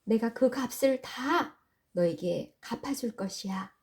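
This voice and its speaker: A woman voicing a gracious, commanding princess with a stately, measured delivery in a children's story. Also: a little high, animated, darkish tone. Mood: composed, commanding. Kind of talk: acted children's Bible storytelling.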